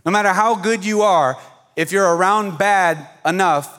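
A middle-aged man preaching a sermon in a church hall, energetic and coaxing his audience, pausing for an interpreter. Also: high-pitched. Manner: energetic, coaxes the audience, pauses for translation. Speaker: pastor. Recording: long reverb of a large hall.

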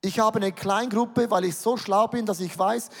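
A man's voice: high voice, steady tone, moderate pace, creaky, in a large hall. A man with a Swiss German accent preaching a sermon, emphatic, repeating words and asking rhetorical questions.

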